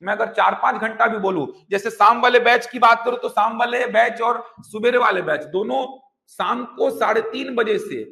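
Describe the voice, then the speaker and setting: Male coaching teacher, bright edge, high voice, teaching in an echoey classroom. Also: moderate pace, vocal fry. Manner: explains by repeating terms in Hindi and English. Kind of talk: classroom lecture.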